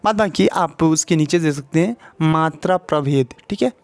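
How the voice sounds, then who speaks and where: A man's voice: a little high, normal speed, dry recording. A man with a Hindi accent teaching a spoken English lesson at a board, explaining step by step and checking in with the viewer as he goes. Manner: explains step by step, often adds "ठीक है" and asks questions to the viewer.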